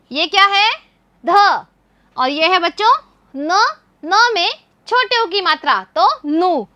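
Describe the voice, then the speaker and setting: High bright-voiced woman teaching slowly. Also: no echo. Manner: patient, spells out each letter and sound. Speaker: primary school teacher. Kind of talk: slow phonics lesson for young children.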